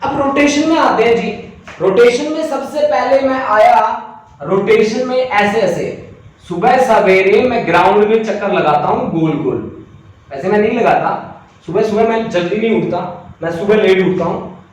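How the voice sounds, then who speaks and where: A man's voice: sits high, normal speed. Chatty male physics teacher, echoey room. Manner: chatty, reads out student comments, joking asides. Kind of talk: online class lecture. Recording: distant mic in echoey room, faint noise.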